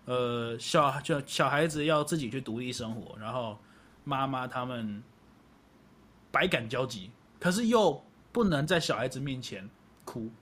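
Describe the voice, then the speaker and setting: A young man co-hosting a podcast, telling a family story in fast, self-mocking casual chat. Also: medium pitch, lively intonation, a bit bright. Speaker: podcast co-host.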